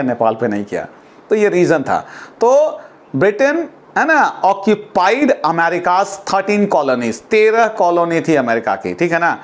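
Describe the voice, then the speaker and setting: A man with a slightly higher voice teaches a class, moving between brisk Hindi explanation and slow, deliberate English sentences. He calls his students "beta", asks rhetorical questions and spells out words to get the pronunciation right. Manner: explains in Hindi, then reads English lines slowly and deliberately.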